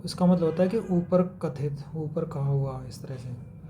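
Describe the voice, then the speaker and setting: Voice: medium pitch, unhurried, mellow, slight background noise. A teacher giving an exam-prep spelling lesson, methodically contrasting wrong and right word forms and mixing in English words. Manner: mixes English words into Hindi explanation.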